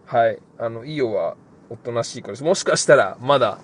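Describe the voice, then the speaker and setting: Relaxed young man answering podcast questions. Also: mid-range voice, fairly quick, slight background noise. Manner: relaxed, rambling, many fillers. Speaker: podcast host, pro basketball player. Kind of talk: casual podcast Q&A.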